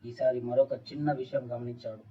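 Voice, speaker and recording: A man reading a scripted horror story as narrator, with an even, flat delivery. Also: mid-range voice, brisk, slightly rough. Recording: dull, distant-sounding recording.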